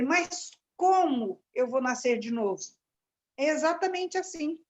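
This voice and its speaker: High-voiced woman commenting on scripture. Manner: searching, halting delivery with restarts. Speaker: class participant. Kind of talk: Bible study commentary. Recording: dull lo-fi sound.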